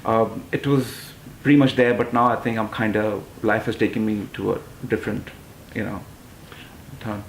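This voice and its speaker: A man's voice: on the low side, level tone, moderate pace, reverberant, a little hiss or hum, poor audio. A man in his twenties from London, a pageant titleholder and model, answering interview questions hesitantly with many fillers and restarts. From London, England. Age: 20s.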